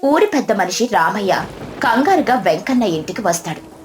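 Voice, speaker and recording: A woman narrating a scripted moral story in a steady, expressive reading voice. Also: mid-range voice, normal speed.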